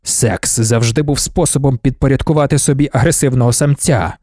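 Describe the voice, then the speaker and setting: A man reading the part of an ancient godlike male emperor, calm and cryptic, with a slow, weighty delivery. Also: mid-range voice, no echo, clean studio sound, close to an everyday voice. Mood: measured.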